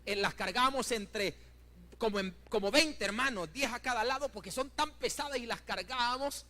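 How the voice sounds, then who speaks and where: A high-voiced middle-aged pastor preaches in a church with fervent storytelling. He surges to loud, emphatic peaks and drops to hushed asides, constantly turning to the congregation as brothers. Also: normal speed. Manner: keeps addressing the congregation as brothers. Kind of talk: sermon. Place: church building.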